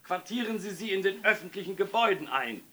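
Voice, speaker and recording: A man voicing a flustered male town mayor who shouts in a high, excited voice. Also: fast talker. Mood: flustered, shouting. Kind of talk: storybook reading.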